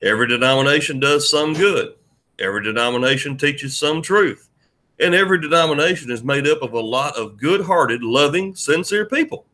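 A man's voice: on the high side, animated, a little fast, bright, forceful tone, pitched above the performer's own voice. A man voicing an earnest, preacherly Bible-study friend who recites scripture firmly.

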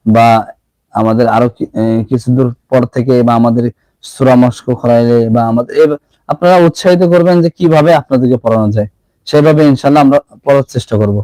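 Male Quran teacher, mid-pitched, slow deliberate syllable drills, dry close recording. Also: dark tone, dry recording, low-quality recording. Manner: slow, drawn-out syllable-by-syllable spelling. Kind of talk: live-streamed spelling lesson.

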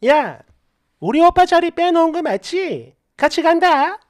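A woman's voice: sits high, expressive, fairly quick. A woman voicing a pushy, boastful married female friend who talks down and makes demands. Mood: demanding. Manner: demanding, condescending, loud.

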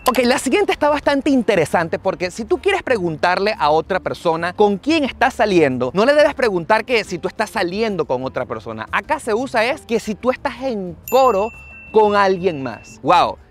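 A man with a Venezuelan accent narrating a travel vlog, playfully teaching local phrases and asking the viewer to repeat after him. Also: high-pitched. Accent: Venezuelan Spanish. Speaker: travel vlogger.

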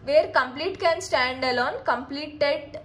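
A woman's voice: high voice, slow pace, fairly bright tone, rough recording. Woman tutoring through exam notes. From India. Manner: explains with examples, frequent fillers and restarts. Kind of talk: casual exam-prep lesson.

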